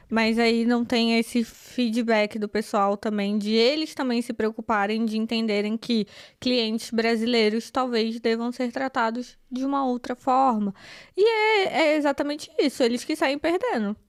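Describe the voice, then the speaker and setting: A woman's voice: on the high side, no room sound, studio quality. A woman, a communication specialist guest on a podcast, explaining her point in an earnest way. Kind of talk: conversational podcast chat.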